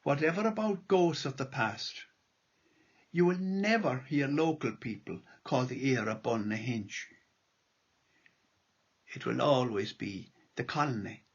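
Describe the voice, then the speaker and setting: A man's voice: medium pitch, measured pace, long pauses, slightly rough, lo-fi sound. An Irish man reading a prepared lecture aloud as a local history speaker.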